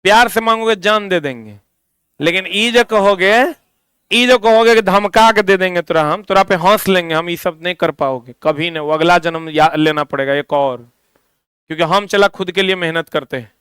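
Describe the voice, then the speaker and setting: Bihari guy teaching a class, keeps firing the same questions, high pitched, dry sound. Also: normal speed, a bit bright, clean tone, no room sound. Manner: drills students with repeated questions, scolding. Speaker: coaching teacher. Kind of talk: classroom lecture. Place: classroom with students.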